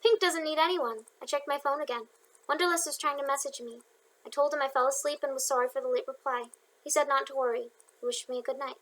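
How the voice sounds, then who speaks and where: Young woman reading her own book aloud, high voice, relaxed, little slips and asides. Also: fast, poor audio. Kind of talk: audiobook narration.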